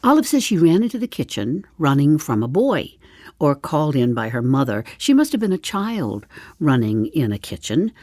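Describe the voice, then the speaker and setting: An older actress performs a darkly comic stage monologue as a wry, chatty seventy-five-year-old woman, telling her story straight to the listener. She muses with deliberate, dramatic pauses and slips into confiding asides. Her low, mellow voice swings widely in pitch, captured in clean studio sound without echo.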